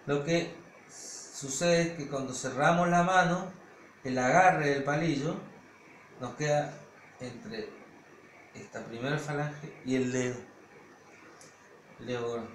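Guy teaching drum sticking, talks slow and careful, counts out loud, echoey room. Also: mid-range voice, steady tone, slight background noise. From Argentina. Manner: explains step by step, counts beats aloud while playing. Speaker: percussion teacher. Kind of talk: hands-on drum technique lesson.

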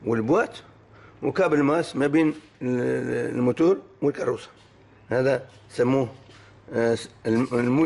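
A man's voice: medium pitch, gravelly, a little mellow, slight background noise. A man with a Tunisian Arabic accent, a car mechanic pointing out engine parts one by one and often hesitating over words. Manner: listing parts with frequent hesitations. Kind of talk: explaining engine parts on camera. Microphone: phone camera held close to the engine.

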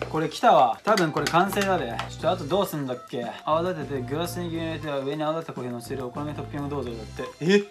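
A young man, chatting excitably and casually while cooking at home for his vlog. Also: on the high side, racing, hardly any pauses. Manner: excitable, chatty, exclaims often. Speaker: vlogger. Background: background music.

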